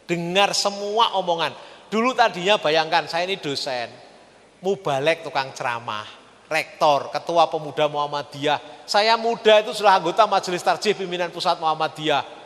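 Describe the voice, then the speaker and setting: A middle-aged man giving an animated religious lecture and asking the audience questions. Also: a little high, normal speed. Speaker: speaker at a religious training. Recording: long hall reverb.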